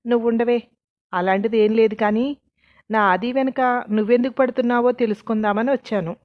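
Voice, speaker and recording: A woman's voice: fairly high pitch, steady tone, brisk, dry recording, phone-quality sound, close to an everyday voice. A woman voicing a determined young woman in a storybook reading, speaking firmly and directly. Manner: firm, direct.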